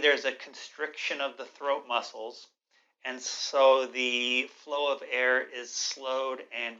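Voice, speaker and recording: Bright-voiced man teaching yoga breathing. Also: medium pitch, lo-fi sound. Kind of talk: instructional yoga lesson, explaining and guiding practice.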